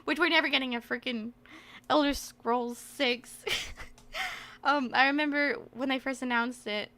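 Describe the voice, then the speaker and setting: A woman's voice: sits high, steady tone, normal speed, sharp tone. A young woman chatting casually on a livestream in a cute, playful anime-streamer manner, giggly and rambling, with some self-deprecation. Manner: giggly, laughs often while talking. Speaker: streamer introducing herself on a debut stream.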